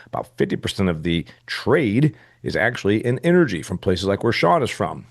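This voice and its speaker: A man from the United States hosting a farm business podcast, talking in an emphatic, opinionated way with quick bursts. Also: on the low side, sing-song. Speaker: podcast host. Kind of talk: energetic podcast monologue and interview.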